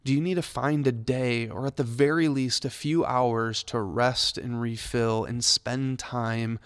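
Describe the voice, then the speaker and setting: A man's voice: mid-range voice, steady tone, measured pace, clear, resonant tone, no room sound. A man who works for a church, giving a conversational devotional Bible talk with touches of light humor.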